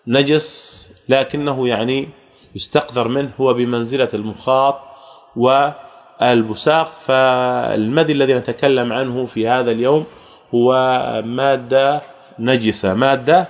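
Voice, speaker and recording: A man's voice: mid-range voice, creaky. Jordanian man teaching in a reverberant hall. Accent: Jordanian Arabic. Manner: repeats key phrases, asks rhetorical questions. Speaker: religious teacher. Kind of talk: Islamic jurisprudence lesson. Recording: archival hall recording, dull lo-fi sound.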